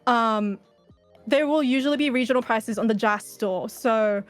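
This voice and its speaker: Speaking at a normal pace with faint music behind her, a woman with a slightly high voice and an Australian accent gives a laid-back fan talk as a panel presenter. The setting is an indoor virtual convention presentation, and she drops the odd swear word.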